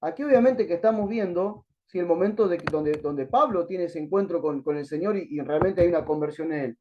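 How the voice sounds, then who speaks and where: A man's voice: fairly high pitch, fairly quick, lo-fi sound, a little hiss or hum. A man teaching a Bible class at a missionary school, asking rhetorical questions and restarting sentences as he searches for words.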